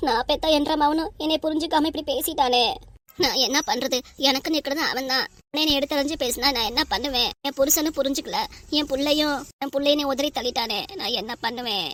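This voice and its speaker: A woman's voice: high-pitched, brisk, fairly bright tone, a little hiss or hum. A woman voicing Pushpa, a tearful young married woman in a cartoon, with a southern Tamil accent and a whiny, plaintive way of complaining. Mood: sorrowful. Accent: southern Tamil, Tirunelveli.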